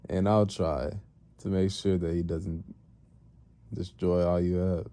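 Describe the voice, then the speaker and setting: A man voicing a calm, scheming older male villain mastermind, speaking slowly and smugly. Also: low voice. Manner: slow, measured, smug.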